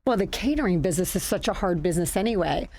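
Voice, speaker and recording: A woman's voice: lowish voice, expressive, quick pace, warm tone, no room sound. A woman hosting a health interview show, welcoming her guest in an effusive, gushing way. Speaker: show host. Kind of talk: casual interview.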